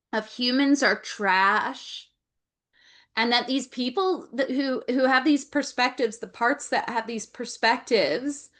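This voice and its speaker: A woman with a fairly high, slightly bright voice gives a channeled Akashic Records reading over a video call. She passes along what her guides tell her, often repeating phrases and pausing to put questions to them.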